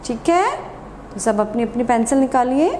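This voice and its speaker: A woman Hindi teacher giving a slow, sing-song lesson to young children, asking questions and answering them herself. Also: on the high side, expressive, a little mellow, roomy sound, slight background noise.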